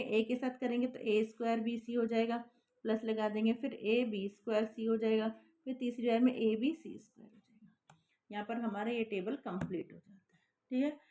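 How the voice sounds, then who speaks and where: Female maths teacher, patient, a little high-pitched, steady step-by-step explanation. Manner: patient, checks in with repeated "thik hai" and "hai na".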